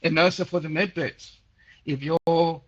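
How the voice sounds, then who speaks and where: A man in his sixties, who grew up in Chile, hosts a casual call-in and answers listeners. His voice sits a bit high for a man. He rambles, repeats himself and fills his talk with "uh" and "um", and the audio sounds muffled and lo-fi. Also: steady tone, a little slow. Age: 60s. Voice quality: nearly deaf. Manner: rambling, repeats words, frequent fillers. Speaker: host answering listener questions.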